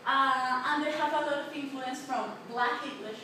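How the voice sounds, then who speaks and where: In a high-pitched, pushed, bright voice at normal speed, a Colombian student in her twenties gives a chatty class presentation riddled with fillers and restarts. A native Spanish speaker with a Colombian accent, she is recorded from a distance in an echoey, noisy room.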